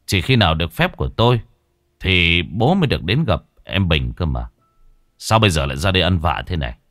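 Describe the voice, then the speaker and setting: A man voicing a wealthy, condescending son-in-law who speaks in an unhurried way, in a story reading. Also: deep voice, big pitch swings, fairly bright tone, no room sound, studio quality, faint music behind, full character voice.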